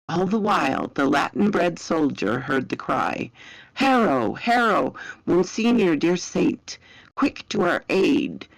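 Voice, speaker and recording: A woman tells a story slowly and dramatically, her voice deeply gravelly and creaky. The recording is close and dry, with no room around her. She speaks at a measured, unhurried pace. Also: dry recording, poor audio.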